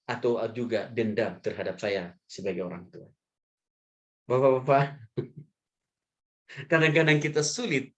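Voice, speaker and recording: A male pastor delivers a lively, funny sermon, chuckling frequently and speaking straight to the men in the congregation. His voice is mid-range, and the audio sounds dull.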